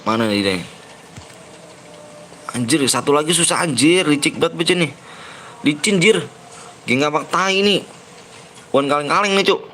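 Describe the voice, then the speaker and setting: A young man streams a mobile shooter game live. He talks in a slightly high voice and hurls rowdy slang and taunts at his opponents. A faint hum runs underneath. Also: normal speed, pauses often, rough recording. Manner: rowdy trash-talking slang, shouting at opponents.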